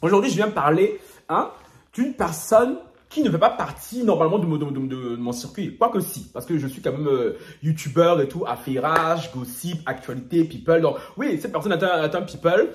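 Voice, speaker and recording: Theatrical male gossip YouTuber, lively pitch. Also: moderate pace, roomy sound. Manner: theatrical, sing-song asides and repeated catchphrases; laughs at his own jokes. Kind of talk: gossip commentary vlog.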